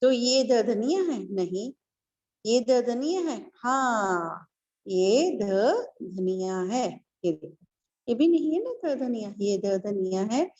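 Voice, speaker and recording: A woman's voice: fairly high pitch, animated, slow, a little mellow, highs cut off. A woman kindergarten teacher with a North Indian Hindi accent, giving an online lesson in a patient, sing-song way to small children.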